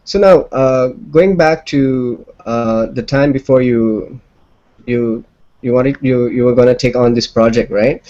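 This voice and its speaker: A man hosting an interview podcast, lively and playful, often repeating words as he asks questions. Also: medium pitch, a little slow. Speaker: podcast host interviewing a guest. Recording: slightly dull audio with faint background music. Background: faint music.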